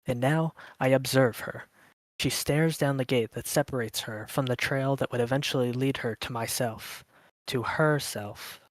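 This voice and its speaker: A man voicing a mysterious otherworldly observer in a slow, solemn prologue narration. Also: mid-range voice, no room sound, close to an everyday voice.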